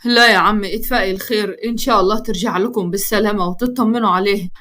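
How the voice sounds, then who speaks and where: A woman's voice: mid-range voice, fairly even intonation, rapid-fire, pushed and bright, voice pushed down, natural voice. A woman voicing an easygoing young male friend, joking and soothing. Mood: teasing.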